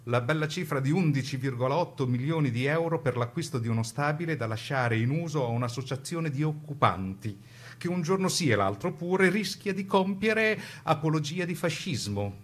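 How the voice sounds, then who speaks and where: A man delivers scripted narration for a radio documentary play, emphatic and rhetorical, with weighted pauses. His voice is medium in pitch.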